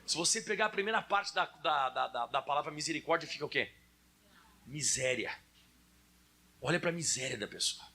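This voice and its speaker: A man's voice: a little high, lively intonation, moderate pace, vocal fry, long pauses, bright, forceful tone, slightly rough. A Brazilian man preaching a sermon in a conversational way, speaking straight to his congregation. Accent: Brazilian Portuguese.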